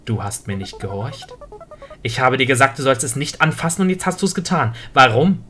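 A woman's voice: very deep voice, very animated, normal speed, fairly bright tone, soft background music, heavily acted. A woman reading out the lines of a clingy, possessive boy buddy from a game as he pleads with the player. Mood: reproachful. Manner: pleading, rising to frantic begging.

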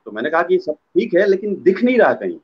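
High-voiced man telling stories. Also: fairly quick, breathy edge, lo-fi sound. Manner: lively, slips into imitating others. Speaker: actor, interview guest. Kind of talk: animated storytelling in a casual interview.

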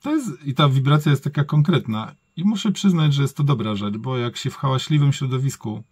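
A man's voice: mid-range voice, expressive, a little fast, a little mellow, husky, no room sound. A man giving a casual, improvised hands-on gadget review, thinking aloud in colloquial words and often correcting himself. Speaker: product reviewer.

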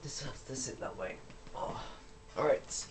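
A young man talks loosely over his gameplay at home, rambling from thought to thought at an ordinary middle pitch. He curses freely whenever a move goes wrong. A faint hiss sits under his voice. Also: unhurried. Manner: chatty, rambling, swears when frustrated. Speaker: gaming YouTuber. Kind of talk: casual gameplay commentary.

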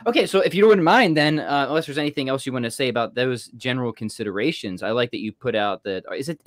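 A man hosting a podcast interview, speaking in an affable, chatty way and quick to agree with his guest. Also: mid-range voice, no echo. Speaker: podcast host. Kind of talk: casual interview chat.

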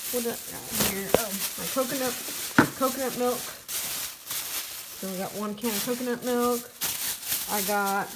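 A woman in her thirties talks casually into a phone held close in her kitchen, with a mid-range voice. She rambles through her groceries with plenty of ums, relaxed and unhurried. Plastic bags rustle clearly behind her. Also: mid-range voice, background noise. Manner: chatty, unhurried, lists items with many fillers. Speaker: vlogger. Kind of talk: casual product review vlog. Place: home kitchen, indoors. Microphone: phone camera held close.

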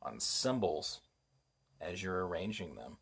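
A man hosting a spoken lesson on language and spellcraft, unhurried and reflective, often asking rhetorical questions. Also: low-pitched, big pitch swings, vocal fry, fairly bright tone, slightly rough. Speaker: host.

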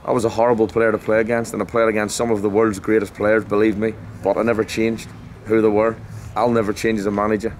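Talking fast in a fairly low voice with little pitch movement, a man in his forties gives a post-match interview as a football manager, outdoors at a ground at night. He is blunt, passionate, emphatic and repetitive. He's recorded on a handheld mic held close, with faint outdoor noise.

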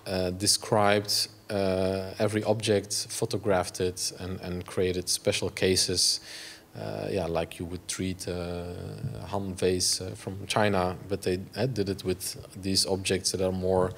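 A Belgian man in his forties with a Flemish accent and Dutch as his first language, giving an artist talk in a gallery room on a lapel mic, halting with many fillers and restarts. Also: low voice, flat delivery, fairly bright tone, slight background noise.

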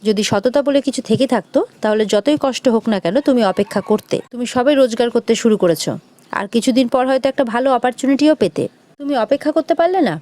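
A woman's voice: a little high, lively intonation, a little fast, darkish tone, natural voice. A woman reading an angry young man. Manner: reproachful, accusing.

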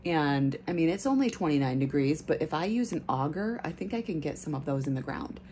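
With a low, warm voice and lively intonation, a woman in her thirties speaks fairly quickly into a handheld phone, with slight background noise. She's a flower farmer vlogging casually while working outside on her farm in the cold, partly from a car, chatting, thinking aloud and slipping in self-corrections.

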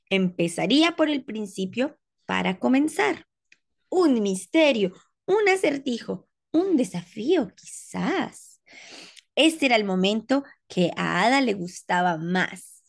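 A woman reading a rhyming picture book aloud for children in an expressive, sing-song way. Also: mid-range voice, creaky. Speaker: storybook reader.

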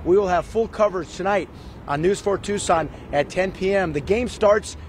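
Brisk male field reporter in his fifties, high bright voice, live outdoor stand-up, faint city hum behind. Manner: brisk, upbeat broadcast delivery. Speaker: sports reporter. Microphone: handheld mic.

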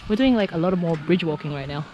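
A woman's voice: low-pitched, lively intonation, quick pace, lo-fi sound, music in the background. A woman vlogging at an outdoor jungle adventure park, gasping, laughing and exclaiming nervously as she goes. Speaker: travel vlogger. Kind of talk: excited on-the-go vlog chat. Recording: noisy outdoor camera audio.

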